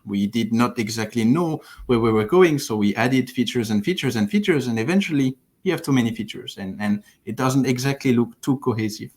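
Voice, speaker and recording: A man's voice: mid-range voice, expressive, fairly quick, hardly any pauses, darkish tone. A man in his thirties from France, explaining thoughtfully with frequent restarts as a platform engineering lead, on a headset over a video call from his living room. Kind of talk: livestream interview.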